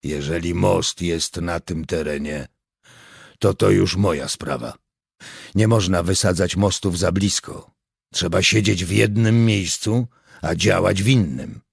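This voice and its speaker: A man voicing a suspicious, grim male partisan leader with a terse, gruff manner. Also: low voice, unhurried, no echo, clean studio sound, exaggerated voice. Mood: sullen.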